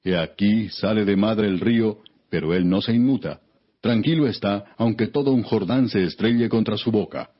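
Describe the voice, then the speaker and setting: A man giving a solemn scripted biblical narration in a husky voice, measured and declamatory. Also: on the low side. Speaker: narrator of an audio Bible. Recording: dull, lo-fi audio.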